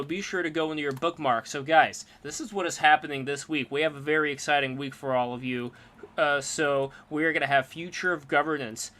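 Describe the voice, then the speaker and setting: Male stream host, a bit higher pitched, hype-man promo energy. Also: bright, forceful tone. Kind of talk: casual livestream chat.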